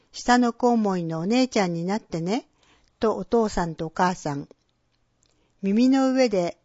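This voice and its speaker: A woman announcer reading a scripted public-service segment, with clear, measured delivery of names and dates. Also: medium pitch, darkish tone, dry recording, lo-fi sound. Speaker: municipal announcer.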